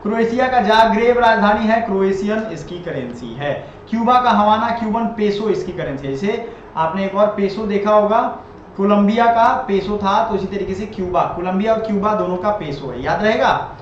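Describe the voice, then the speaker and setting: Speaking at normal speed, a man with a high voice drills each answer in an exam-prep lesson and tells the viewer to repeat it. His recording sounds dull and lo-fi, with heavy room echo and a faint hiss beneath.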